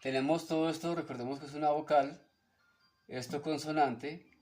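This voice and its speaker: A man with a Colombian accent giving a slow explanatory lesson, hesitant, correcting himself and checking in with the listener after almost every point. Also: a little high, steady tone, darkish tone, faint music behind. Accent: Colombian Spanish. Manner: hesitant, with many fillers and self-corrections, checks in with "ok?". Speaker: teacher of an invented language.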